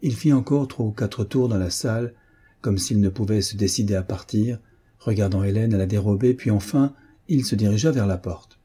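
Man narrating an audiobook, deep-ish voice, very mellow tone, husky, measured storytelling. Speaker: audiobook reader. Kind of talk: scripted narration.

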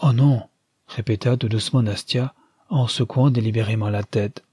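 A man narrating a novel aloud in an even, measured reading voice, close to the mic. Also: lowish voice, husky, no room sound. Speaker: audiobook narrator. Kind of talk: scripted narration.

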